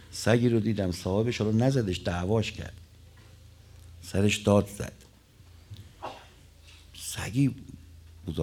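A man's voice: fairly low pitch, dark tone. A man preaching a religious sermon, telling stories and quoting Arabic lines, his voice rising and dropping.

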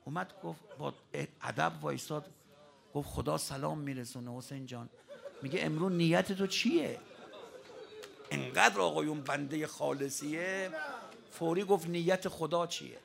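A man preaching a mourning sermon to a crowd, impassioned, moving between shouting and hushed speech. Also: fairly high pitch, creaky. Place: mosque hall with a mourning crowd. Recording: crowd noise behind the voice.

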